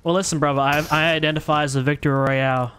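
A man's voice: a little high, steady tone, fast talker, background noise. Chatty joking gaming streamer man. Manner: chatty, joking, stumbles and restarts. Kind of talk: casual gaming chat with teammates.

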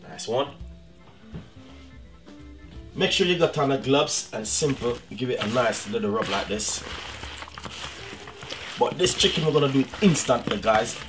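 A man's voice: mid-range voice, animated, a little slow, long pauses, over music. A middle-aged man from Jamaica with a Jamaican accent, chatting casually as he demonstrates a recipe on his cooking channel and often calling out to his viewers. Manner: chatty, repeats "guys" and "you know what I mean".

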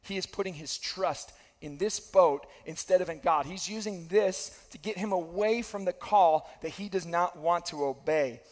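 A pastor in his thirties delivers a sermon from a large church stage, his fairly high voice going slightly hoarse as he loses it. He speaks earnestly, repeating key phrases for emphasis, and the hall lends a long reverb.

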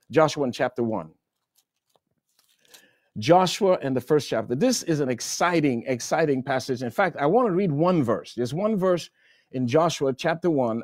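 A man's voice: mid-range voice, a little mellow, dry recording, clean studio sound. A man preaching a sermon, repeating phrases for emphasis, with a delivery that rises and falls. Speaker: pastor.

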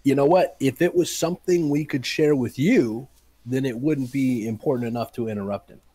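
A man's voice: medium pitch, normal speed, warm tone. A man playing a tabletop game, joking and bluffing his way through scenes. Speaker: player.

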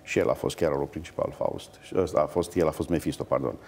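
A man's voice: rumbling low, a little hiss or hum. A middle-aged man, an opera singer, telling stories with hesitations in a TV interview. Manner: animated anecdotes with hesitations. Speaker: guest, opera bass-baritone. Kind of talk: storytelling in a TV interview.

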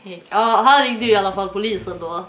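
A young woman talks casually, tossing in quick agreements and laughing often as she adds her side of the story. Her voice sits at a middling pitch for a woman. The recording carries a clear room echo. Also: fairly bright tone. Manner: chimes in with short replies, laughs a lot. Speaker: guest friend. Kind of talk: casual chat. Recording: echoey room.

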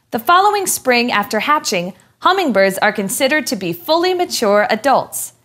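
A young woman playing a curious, cheerful student, reading aloud clearly and expressively in a scripted educational show. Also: on the high side, a bit bright. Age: young adult.

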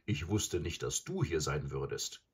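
A man's voice: very deep voice, sing-song, measured pace, breathy edge, exaggerated voice. A man voicing a proud young man raised in the jungle by wolves, speaking intensely in an audiobook. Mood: earnest. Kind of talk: audiobook character voice.

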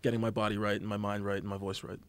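Fast-talking man explaining voice acting. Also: fairly low pitch, no echo. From Canada. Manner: fast, animated, demonstrates voices while explaining. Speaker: actor and voice actor guest. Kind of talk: casual studio interview. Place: studio.

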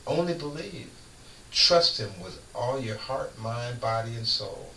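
A man's voice: medium pitch, lively intonation, unhurried, gravelly, bright, forceful tone, far from the mic. A middle-aged man hosting a radio show, talking about faith in a folksy, emphatic, preachy way and laughing often. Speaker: radio host. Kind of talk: casual faith talk. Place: radio studio. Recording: roomy studio, off-mic, faint hiss.

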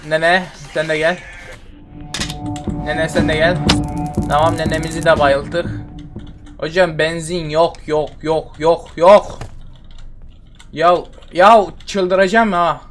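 A man's voice: a little high, steady tone, slow, pauses often, music in the background. A young man giving casual, exasperated commentary while playing a horror game, repeating himself and muttering complaints. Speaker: gamer streaming a horror game.

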